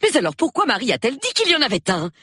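A woman's voice: fairly low pitch, wildly swooping pitch, normal speed, a bit bright, slightly rough, no room sound, studio quality, voice pushed up, exaggerated voice. A man voicing an insistent middle-aged lady of the house, pleading with her sleepy husband in a storybook reading.

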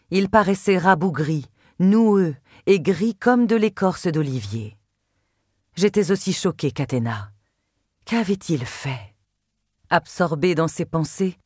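A woman narrating a first-person literary audiobook in a measured, expressive way. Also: fairly low pitch, no echo, studio quality.

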